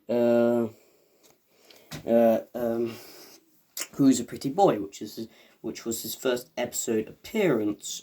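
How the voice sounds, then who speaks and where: A man's voice: medium pitch, mellow. A man, talking casually to viewers as a video reviewer. He rambles and hesitates, with many fillers and restarts, and makes chatty asides as an eager fan.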